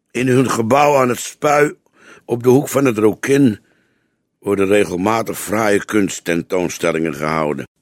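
A man's voice: mid-range voice, no echo, voice pushed up. A man voicing a grey-haired veteran male detective who speaks in a dry, patient, lecturing way.

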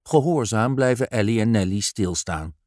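A man narrating a children's story aloud in a slow, expressive storytelling manner. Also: lowish voice, dry recording, clean studio sound.

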